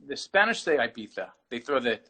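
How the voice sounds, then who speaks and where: A man's voice: medium pitch, fairly even intonation, a little fast, background noise. A man, an artist, talking casually as a guest on a video-call interview, rambling and often restarting his phrases.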